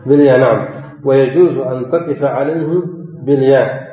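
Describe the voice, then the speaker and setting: A man's voice: mid-range voice, normal speed. A man teaching a grammar lesson, quizzing his students, repeating key phrases and chanting quoted verses and examples. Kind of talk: classroom lesson, reading a text and explaining. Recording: dull, echoey hall with long reverb.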